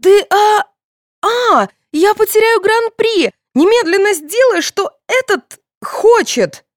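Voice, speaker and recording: A woman voicing a spoiled teenage girl in an audiobook, shrill, whining and pitched very high. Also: expressive, takes it slowly, no room sound, clean studio sound, full character voice. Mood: shrieking. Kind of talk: audiobook character voice.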